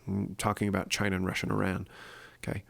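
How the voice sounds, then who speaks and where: A man's voice: deep voice, monotone, fast, creaky, fairly bright tone. A man hosting his own solo podcast, speaking earnestly and thinking aloud with fillers and restarts. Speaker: podcast host.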